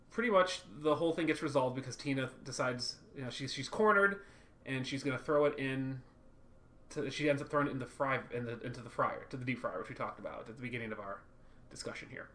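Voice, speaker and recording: A man talks through a cartoon episode in a loose, rambling way, jumping into quoted lines with sudden energy. His voice has a bright, forward tone. He sounds like a co-host in easy, casual chat. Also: medium pitch. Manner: rambling, animated, acts out quotes. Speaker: podcast co-host.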